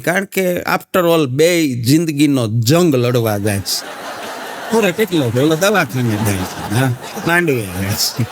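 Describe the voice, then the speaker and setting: A male comedian with a Gujarati accent telling stand-up jokes with drawn-out punchlines. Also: fairly high pitch.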